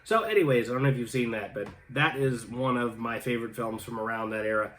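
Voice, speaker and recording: A man's voice: mid-range voice, fast talker, a bit bright, slight background noise. A young adult man hosting a casual show, answering viewer comments in a rambling, self-deprecating way with many fillers and restarts. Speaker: host reading viewer comments.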